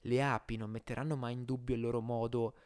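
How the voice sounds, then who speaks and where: A man hosting an informal philosophy lesson, explaining aloud in a halting way, often correcting himself and stretching out words as he goes. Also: medium pitch, flat delivery, darkish tone. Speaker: host of a philosophy podcast series.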